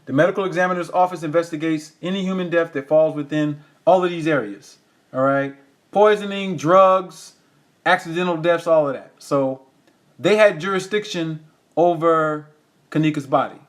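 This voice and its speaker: A man's voice: fairly high pitch, moderate pace. A man giving impassioned commentary as he reads from a county ordinance, asking "all right?" after his points and rising into an emphatic, preacher-like tone. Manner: tags lines with "all right?". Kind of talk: impassioned commentary reading from documents.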